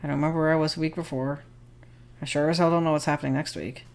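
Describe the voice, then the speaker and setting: A man's voice: a little high, fairly even intonation, very fast. A young adult man co-hosting a podcast, telling rambling stories in casual chat with lots of fillers. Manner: rambling storyteller with many fillers. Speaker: podcast co-host.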